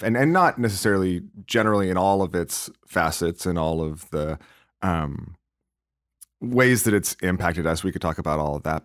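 A man with a Californian accent hosting a church podcast as a pastor, talking in a rambling, halting way full of fillers and restarts. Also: low voice. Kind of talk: casual chat.

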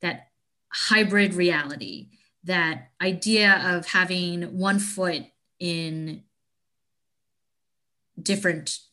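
A woman from the United States co-hosting a podcast, talking reflectively and casually in a thoughtful, halting way. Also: on the low side, bright, forceful tone. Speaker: podcast co-host. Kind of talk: casual chat.

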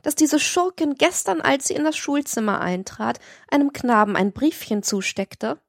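A woman's voice: sits high, expressive, moderate pace, gravelly, dry recording, clean studio sound, voice pushed up. A woman voicing a cruel, scheming sister who speaks sharply and accusingly in an audiobook.

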